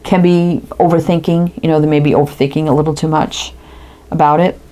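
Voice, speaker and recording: A woman's voice: sits low, level tone, brisk, mellow. A woman giving a casual tarot reading, musing aloud and tagging her thoughts with "right?". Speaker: tarot reader.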